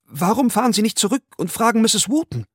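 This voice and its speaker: A man voicing a frightened young laborer in an audiobook, with a high, cracking and slightly hoarse voice. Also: big pitch swings, a little fast, no room sound, clean studio sound, full character voice. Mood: panicked. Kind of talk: audiobook reading.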